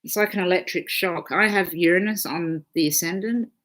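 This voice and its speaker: A woman's voice: on the low side, normal speed, a bit bright. Chatty, sweary woman astrologer. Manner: chatty, swears freely, reads viewer comments aloud. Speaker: astrologer hosting a live stream. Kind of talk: casual live-stream chat.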